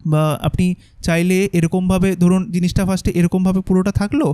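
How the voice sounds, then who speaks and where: A high-pitched man, teaching a screen-recorded software lesson one step at a time. His voice is mellow and dry, recorded close to the mic. He keeps checking that the listener is following along. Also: little pitch movement, brisk, smooth, dry recording. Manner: patient, explaining step by step with frequent check-ins. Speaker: tutorial instructor.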